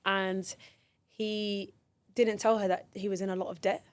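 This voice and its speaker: A woman's voice: medium pitch, flat delivery, a little slow. A British woman in her late twenties co-hosting a podcast, chatting playfully and telling stories. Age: late 20s. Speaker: podcast co-host. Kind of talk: casual chat.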